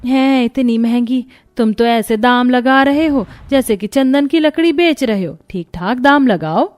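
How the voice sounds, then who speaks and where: A woman's voice: on the high side, a little slow, darkish tone, dry recording, voice pushed up, lightly acted. A woman voicing a poor, thrifty woman who haggles indignantly over a price, in storybook acting. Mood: haggling.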